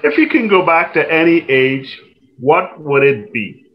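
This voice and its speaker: A man's voice: fairly high pitch, sing-song, measured pace. Male interview host, courteous, affirming, slightly muffled lo-fi recording. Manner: polite, encouraging, brief affirmations. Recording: dull, lo-fi sound.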